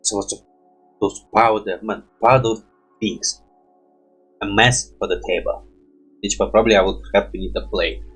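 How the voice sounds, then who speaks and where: A man's voice: fairly low pitch, fairly even intonation, moderate pace, pauses often, a bit bright, slightly rough, soft background music. A man on a headset mic rambling casually in broken English, peppering his talk with "bloody". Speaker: reaction streamer.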